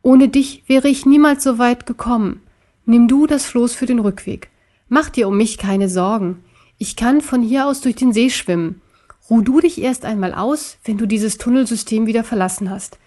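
A small, brave male teddy bear from a children's storybook speaks gently and calmly, as a woman acts him out. His kind, reassuring voice sits a little high. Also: normal speed, close to an everyday voice. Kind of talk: storybook character voice.

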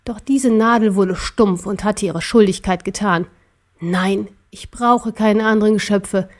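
Woman reading as a slow, sneering emperor villain. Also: medium pitch, steady tone, natural voice. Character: cruel ancient male emperor in a youth's body.

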